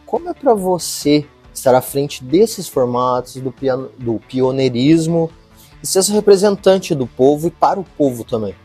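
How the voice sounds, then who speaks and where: Mellow-voiced man with a Minas accent. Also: on the high side, expressive, normal speed, husky, faint music behind. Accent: Minas Gerais Portuguese. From southern Minas Gerais, Brazil. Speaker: interviewer. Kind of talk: interview questions.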